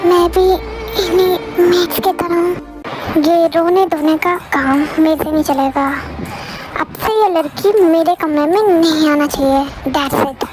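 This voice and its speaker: A young woman voicing an arrogant, hot-tempered rich young man who barks out scolding questions, heard over loud music. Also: very high-pitched, steady tone, unhurried, rough recording. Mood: cold anger.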